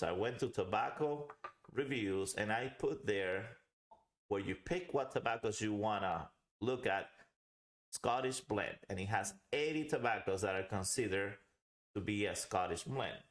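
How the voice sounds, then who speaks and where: With a lowish voice and a slightly slow delivery, a man hosts a casual live pipe tobacco review, rambling as he explains and repeating points for emphasis. The sound is roomy and echoing, like a home setup.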